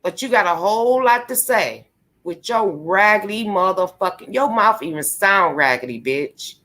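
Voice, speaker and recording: A woman's voice: medium pitch, lively intonation, normal speed, a bit bright. A woman talking casually on her live stream, swearing freely, laughing often and speaking straight to her viewers.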